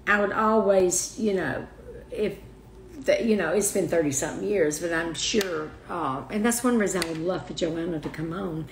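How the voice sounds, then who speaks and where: An older woman speaking as a guest in a heartfelt interview, soft and halting, often restarting her sentences. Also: on the low side, slight background noise. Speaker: guest, mother of the host. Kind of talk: emotional personal interview. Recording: roomy echo.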